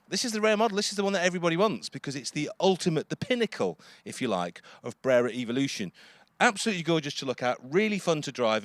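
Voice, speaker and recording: Fast-talking male car presenter, dry sound. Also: mid-range voice, fairly bright tone, no echo. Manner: chatty, emphatic sales talk. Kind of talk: enthusiastic car commentary.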